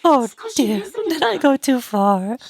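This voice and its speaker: A woman's voice: on the high side, lively intonation, takes it slowly, crowd noise. A woman voicing a game's taunting sniper villain with theatrical, mockingly polite delivery. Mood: feigned apology. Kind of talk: live voice acting of game dialogue.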